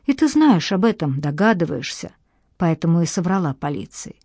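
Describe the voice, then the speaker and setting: A woman's voice: on the low side, very animated, normal speed, a little mellow, breathy edge, dry recording, studio quality, exaggerated voice. A woman reading the part of a bitter adult man who speaks curtly and with hostility. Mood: cold, hostile. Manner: curt and hostile. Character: harsh, cold adult man, bitter ex-convict.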